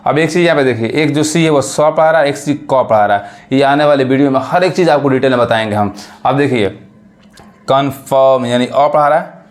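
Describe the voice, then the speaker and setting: A man teaching a language lesson. He explains the rules step by step, keeps asking whether the viewers understand, and says each example word slowly and low. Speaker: English teacher.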